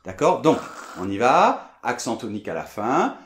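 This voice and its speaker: A French man teaches pronunciation, breaking sounds apart and repeating them slowly for learners. His pitch swings widely as he demonstrates. The room around him is echoey. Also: sing-song, slight background noise.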